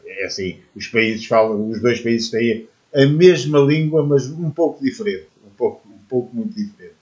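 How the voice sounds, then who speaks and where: A man with a European Portuguese accent commenting casually as a reaction video host, relaxed and explaining. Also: mid-range voice, normal speed, dull audio. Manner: relaxed, explaining and giving advice.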